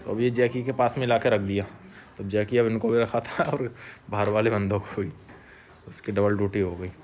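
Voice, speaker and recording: A man's voice: fairly low pitch, steady tone, normal speed, a little mellow, a little hiss or hum. A man chatting casually through a vlog walkthrough of an outdoor yard where he cares for dogs, often calling out to them. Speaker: dog shelter caretaker. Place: outdoor yard at a home under construction.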